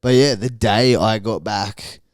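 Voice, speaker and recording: A man's voice: on the low side, steady tone, unhurried, no room sound, clean studio sound. A young Australian man co-hosting a podcast, telling crude, swear-filled stories in casual chat. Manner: crude, profanity-heavy storytelling with laughs. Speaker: podcast co-host.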